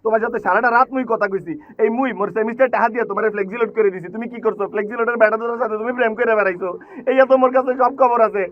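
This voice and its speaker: Young Barishal-accented man, high and fast, boastful ranting sketch delivery. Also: steady tone, highs cut off. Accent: Barishal Bengali. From Barishal, Bangladesh. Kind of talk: comedic rap and sketch acting.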